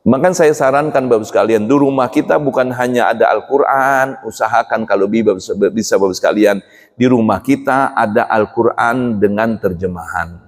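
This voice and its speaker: A middle-aged Indonesian man preaches a lively sermon in a mosque hall, often putting questions to the congregation. His mid-range voice moves briskly, and the recording carries a long hall reverb.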